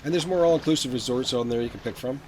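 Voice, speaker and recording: A man's voice: mid-range voice, fast. A man giving a conversational, informal travel vlog narration in a walk-and-talk style. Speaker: travel vlogger. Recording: noisy outdoor audio with ambient sound.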